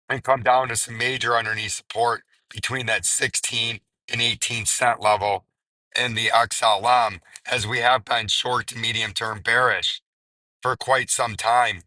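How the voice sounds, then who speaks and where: Male crypto chart commentator, hoarse and strained, very forceful raspy edge, flat lowish delivery. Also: unhurried, no echo, low-quality recording. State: hoarse, voice nearly gone. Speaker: crypto video host.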